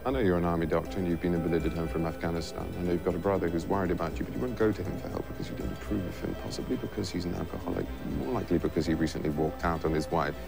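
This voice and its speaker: Brusque brilliant detective, British accent, gravelly voice, drawn-out delivery, film clip with music. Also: male voice, sits low, fairly even intonation, heavily acted. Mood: coolly deducing. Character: brusque brilliant male detective, coolly deducing.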